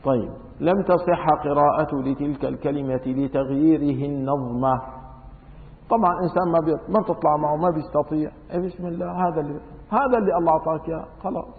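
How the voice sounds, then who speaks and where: A man's voice: a little high, fast talker. Man teaching in an echoey hall. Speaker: religious teacher. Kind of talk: religious law lesson. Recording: echoey hall over a tinny phone-like line.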